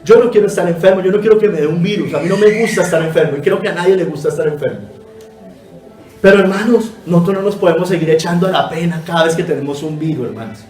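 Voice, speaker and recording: A man's voice: high voice, fast, darkish tone. A male pastor preaching a sermon with earnest exhortation, calling his listeners brother again and again. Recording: echoey room, voice from a distance.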